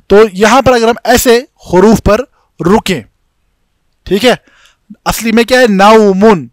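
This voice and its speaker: High-voiced Kashmiri man teaching tajweed. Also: no echo, clean studio sound. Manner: explains step by step, keeps checking if students follow; chants Arabic examples slowly and drawn out. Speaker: tajweed instructor. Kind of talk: classroom lecture with slides.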